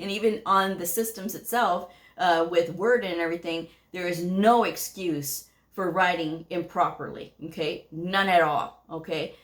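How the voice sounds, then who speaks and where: A medical coding educator hosts her own channel, giving viewers casual career advice in a direct, firm way. Her voice is on the low side with a fairly bright tone, and she keeps checking in with "okay?" and laughing lightly.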